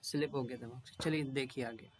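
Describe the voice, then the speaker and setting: A man teaching English vocabulary in Hindi, repeating each word again and again and reading definitions slowly, with homely asides to his students. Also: mid-range voice, fairly even intonation, slight background noise. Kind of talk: explaining vocabulary and drilling pronunciation.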